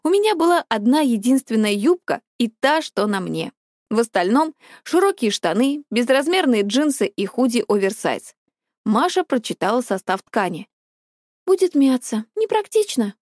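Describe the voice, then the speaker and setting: A woman narrating a first-person story in a wry, expressive way as an audiobook reader. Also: a little high, normal speed, no room sound, studio quality.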